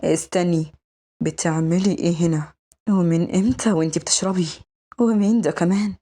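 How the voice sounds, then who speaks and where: A woman's voice: on the low side, fairly even intonation, brisk, mellow, close to an everyday voice. A woman voicing a cold, protective adult male mafia boss in Egyptian Arabic, curt and firm.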